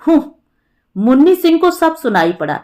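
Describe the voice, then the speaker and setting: A woman with a voice on the high side narrates a Hindi short story, calm and measured, giving the characters light voices.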